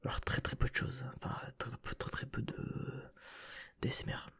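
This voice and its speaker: A man's voice: mid-range voice, completely flat delivery, moderate pace, vocal fry, a bit bright, slightly rough. Man whispering ASMR right in your ear. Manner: whispering close to the mic, right in the listener's ear; rambling, casual and informal, addressing the listener directly. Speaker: ASMR video creator and host. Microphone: close binaural microphone.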